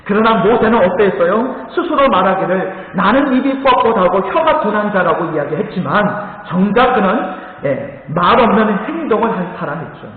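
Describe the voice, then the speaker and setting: Male pastor, sunday sermon, animated storyteller, high voice, very echoey church hall. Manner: animated storytelling, calls to the congregation. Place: church sanctuary. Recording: echoey hall, thin phone-like sound.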